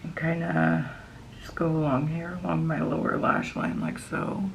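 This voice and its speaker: Slow, creaky woman chewing gum. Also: sits low, steady tone, a little hiss or hum, low-quality recording. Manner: chewing gum while talking. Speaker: makeup tutorial vlogger. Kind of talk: casual chat while applying makeup.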